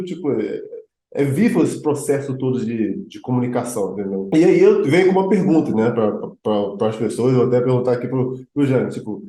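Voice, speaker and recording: A man hosting a casual conversation, explaining things in a loose, relaxed way full of filler words. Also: medium pitch, roomy sound, low-quality recording. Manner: relaxed, lots of fillers like tipo and né. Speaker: host.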